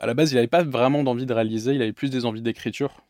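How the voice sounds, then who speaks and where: A man's voice: medium pitch, steady tone, very fast, darkish tone, no echo, clean studio sound. A young man from England, a filmmaker guest in a casual interview, giving long rambling answers.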